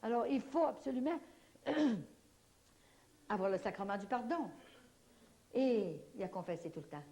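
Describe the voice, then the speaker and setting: A woman's voice: medium pitch, normal speed. Québécois woman telling a folksy testimony. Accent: Québécois French. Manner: animated, folksy storytelling with many "là" fillers. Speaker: lay speaker giving a religious testimony. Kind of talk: spoken religious testimony to an audience.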